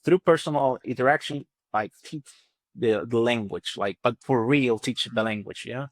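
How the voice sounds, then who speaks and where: A man's voice: medium pitch, moderate pace, no room sound. Venezuelan man in close, dry interview audio. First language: Spanish. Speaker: podcast guest, language company chief and teacher. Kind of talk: conversational interview talk.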